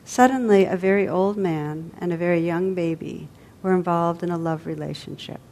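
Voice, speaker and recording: A woman telling a story aloud in a gentle, expressive way, letting her lines trail off softly. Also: lowish voice, normal speed.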